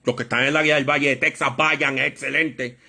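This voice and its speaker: A man preaching a Bible study sermon, with a lively storytelling manner that acts out voices in anecdotes. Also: mid-range voice, a little fast, vocal fry, husky.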